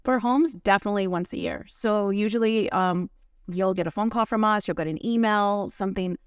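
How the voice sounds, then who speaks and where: Female agency owner, mid-pitched, plain-spoken, slightly distant, dry room. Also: a little fast, clear, resonant tone, no echo. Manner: plain-spoken, a few hesitations. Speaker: insurance agency owner guest. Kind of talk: casual chat.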